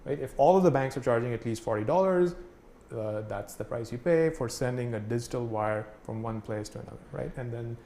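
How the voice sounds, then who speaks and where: A Pakistani instructor with a mid-range, mellow voice explains things a little fast in a casual, conversational way. His talk is full of fillers and "right?" checks, recorded in an echoey room with faint noise.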